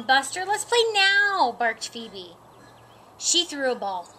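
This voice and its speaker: Slowly and with spirit, a middle-aged woman reads a children's picture book aloud outside in a sunny yard, pitching up for the animal characters. Her voice is fairly high. A camera set a few feet away records her, with slight background noise.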